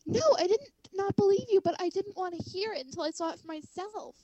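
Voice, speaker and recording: A young woman co-hosts a podcast, dropping in quick, chatty remarks. Her voice is notably high. A faint hiss of noise sits under the recording. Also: mellow. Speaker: podcast co-host. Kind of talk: casual chat.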